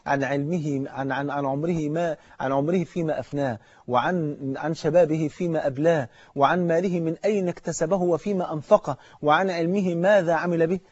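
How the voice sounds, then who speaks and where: A man's voice: a little high, steady tone, fairly quick, darkish tone, no room sound, muffled recording. A man with an Egyptian Arabic accent preaching a sermon, fervently urging the listener directly.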